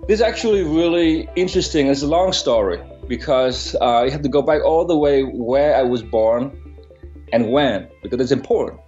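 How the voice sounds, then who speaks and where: A man in his forties with a Vietnamese accent tells his story in an interview. His pitch sits in the middle of the male range, and he talks earnestly, restarting and repeating words as he searches for them. The recording is slightly dull and lo-fi. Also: moderate pace, a little mellow, faint music behind. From northern Vietnam. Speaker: interview guest.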